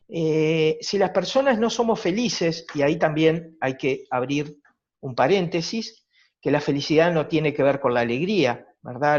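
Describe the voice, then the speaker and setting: A man's voice: a little high, darkish tone. A man with a Uruguayan accent, a psychologist giving a reflective, explanatory talk at a virtual conference. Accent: Uruguayan Spanish. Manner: reflective, explanatory, rhetorical tag questions. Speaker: psychologist lecturer. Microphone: video call. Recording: dull lo-fi video call audio.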